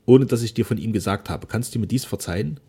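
A man's voice: on the low side, fast talker, warm tone, husky, voice pushed up. A man voicing an ailing old nobleman father, speaking solemnly and wearily in formal old-fashioned language. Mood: solemn remorse. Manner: solemn, weary, formal speech.

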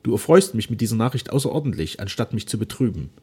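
A man voicing a gentle, devoted young woman in a read-aloud novel, speaking earnestly in a raised voice. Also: big pitch swings, fast talker, breathy edge. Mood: tearful devotion. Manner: earnest, pleading, raised pitch.

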